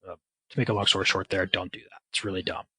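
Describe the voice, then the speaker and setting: A podcast guest with a deep, level, sharp-toned voice talks fast and candidly about his own experience, adding wry, self-deprecating sarcastic asides. The audio quality is poor.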